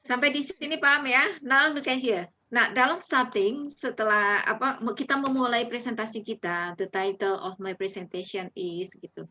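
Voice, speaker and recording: A woman's voice: a little high, fairly even intonation, moderate pace, hardly any pauses, pushed and bright. A woman teaching presentation skills in an online class, chatty, with many fillers and restarts, dropping English phrases into her talk.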